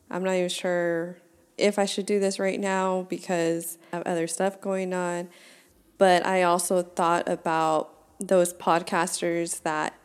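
In casual solo podcast talk, a twenty-something woman host speaks in a smooth, fairly low voice. She comes across as chatty and candid, with plenty of self-directed laughter.

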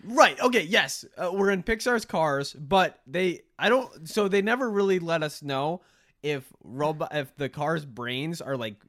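A young man co-hosting a casual comedy podcast, rambling and animated with lots of fillers. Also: a little high, a little slow. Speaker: podcast co-host.

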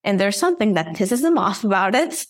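A woman speaks as a guest in a casual podcast interview, enthusiastic and quick to laugh. Her voice sits at a middle pitch. The sound is dry and close, as on a video call. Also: very animated, no room sound. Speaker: guest, brand designer. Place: room at home with red cabinet.

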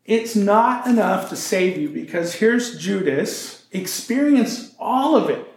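A man's voice: high voice, animated, slow, roomy sound. A male pastor preaching a sermon in a conversational way, with joking asides.

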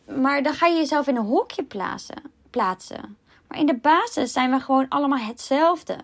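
A woman, a life coach explaining ideas calmly in a solo podcast, with self-mocking asides. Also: high-pitched, normal speed, vocal fry.

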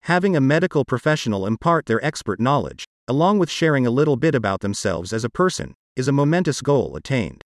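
A man's voice: medium pitch, no room sound. Male podcast host, computer-generated speech-synthesizer voice, swinging intonation on scripted reads, dry sound. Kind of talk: scripted narration.

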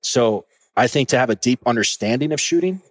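A man's voice: mid-range voice, lively intonation, a little fast, no room sound. A man, a shooting instructor, talking earnestly in a casual podcast conversation, often restarting his words.

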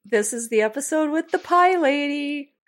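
A woman's voice: high voice, expressive, normal speed. A woman co-hosting a podcast in casual chat, wry with dry asides and easy laughter. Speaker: podcast co-host.

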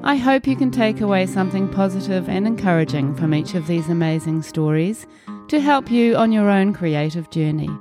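A woman's voice: medium pitch, normal speed, over music. A woman hosting a podcast interview, reading a scripted introduction and then chatting easily with her guest. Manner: warm scripted introduction, then relaxed chat. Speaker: podcast host.

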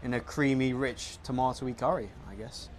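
A man co-hosting a casual travel chat, relaxed and blunt with his opinions. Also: medium pitch, moderate pace, a little hiss or hum. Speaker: podcast co-host.

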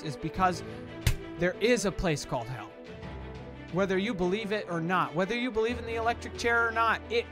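A preacher giving a fiery, informal evangelistic sermon in an emphatic, exhorting way, with sarcastic asides and rhetorical questions. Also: mid-range voice. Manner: self-described yelling preacher voice.

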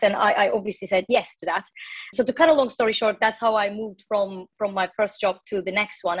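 A woman in her forties from Turkey, answering interview questions in a measured, explanatory way with small restarts. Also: medium pitch, low-quality recording. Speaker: podcast guest, banking executive.

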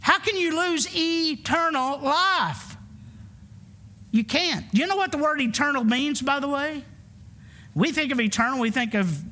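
Preaching in a church, a 50-something pastor with a very high, sharp voice presses his sermon emphatically. He uses call-and-response, asking the congregation to answer back.

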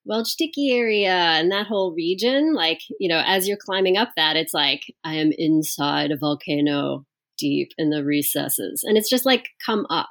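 A woman's voice: low-pitched, lively intonation, moderate pace. A woman who is a science guest on a podcast, talking casually with plenty of fillers. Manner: loose and chatty, many fillers.

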